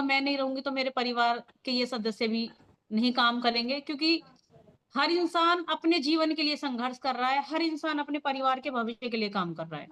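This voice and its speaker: A woman's voice: high voice, fairly bright tone. A woman leading a motivational training meeting on a video call, talking in an earnest, firm and encouraging way. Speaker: meeting leader.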